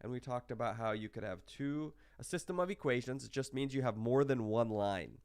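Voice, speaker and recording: Sick guy teaching math online, rambly, lots of ums, kinda gravelly. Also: medium pitch, fairly quick, darkish tone, dry recording, clean studio sound. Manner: casual, rambling, many fillers and restarts. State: sick, with hiccups. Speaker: math instructor. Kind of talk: recorded online math lecture.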